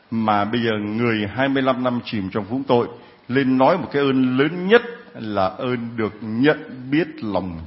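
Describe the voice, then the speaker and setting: A man's voice: medium pitch, highs cut off. A male priest preaching to his congregation in a jovial, teasing way, calling on people in the pews. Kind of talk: sermon.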